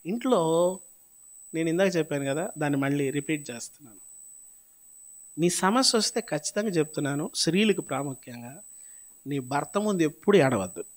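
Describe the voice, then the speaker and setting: Male pastor, Telugu accent, fairly high voice, dramatic sermon delivery, loud-to-soft swings. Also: animated, fairly quick, pauses often. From South India. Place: church hall.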